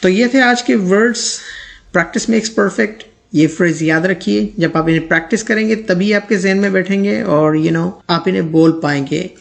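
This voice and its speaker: Gravelly man teaching word pronunciation. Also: sits high. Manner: repeats each word slowly, then reads out an example sentence. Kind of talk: pronunciation lesson.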